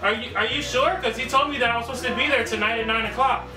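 A young man playing an insistent, oblivious new fast-food employee in a rambling, deadpan prank call. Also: extremely high pitch. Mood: earnest, insistent. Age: young adult. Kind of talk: improvised prank phone call. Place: small living room. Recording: roomy, distant camera sound, music.

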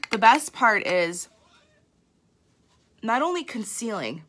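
A woman's voice: mid-range voice, pushed and bright, slight background noise. A young woman makeup artist giving a casual live tutorial, chatty and candid, with a tired, sleepy voice. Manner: chatty, candid, self-deprecating, lots of fillers.

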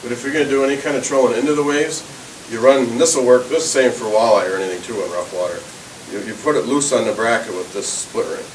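A man's voice: medium pitch, fast, reverberant, far from the mic, slight background noise, low-quality recording. A man in his thirties demonstrating fishing tackle in an indoor shop, explaining step by step with frequent restarts. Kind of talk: casual product demonstration.

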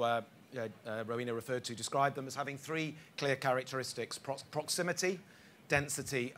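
Man presenting with halting fillers. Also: mid-range voice, fairly bright tone, a little hiss or hum. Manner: halting starts with fillers and stumbles. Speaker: conference speaker. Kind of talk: conference presentation. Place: conference hall.

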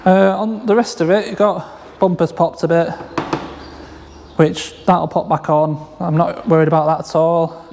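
A man with a fairly high voice talks his way around a wrecked car, rambling, hesitant and restarting his sentences as he goes. He is in a big workshop garage, recorded on a handheld camera, and his voice rings with a long echo. A faint hum of ambience sits underneath. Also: level tone, measured pace, vocal fry, darkish tone. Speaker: car salvage vlogger. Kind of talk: casual walkaround commentary.

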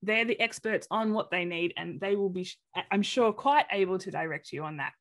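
A woman with an Australian accent giving a webinar presentation over a webcam video call, animated and acting out quoted reactions in different voices. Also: medium pitch, moderate pace. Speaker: presenter of an inclusion talk.

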